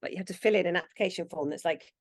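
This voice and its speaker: Chatty woman, low dry voice. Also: racing, dry recording. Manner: chatty, acts out quoted thoughts. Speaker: brand founder, podcast guest. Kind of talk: casual interview chat.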